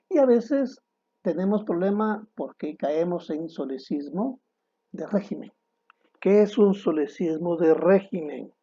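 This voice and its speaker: A man teaching a grammar lesson to students, deliberate and didactic, posing rhetorical questions and then answering them. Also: high-pitched, mellow, breathy edge, lo-fi sound.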